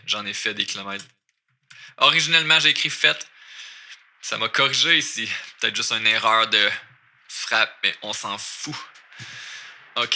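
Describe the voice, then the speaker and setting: A man's voice: on the low side, vocal fry, bright, forceful tone. A man with a Québécois accent teaching French, explaining lyrics line by line and switching between French and English. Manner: mixes French and English, repeats words slowly.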